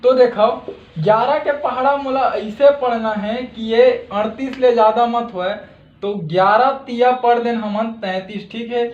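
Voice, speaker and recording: A man's voice: very high-pitched, a little slow. A man with a Chhattisgarhi accent explains a math lesson step by step, checking in with listeners after each step. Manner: steady step-by-step explaining, frequent "theek hai" checks. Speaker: math teacher. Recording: echoey room, dull lo-fi audio.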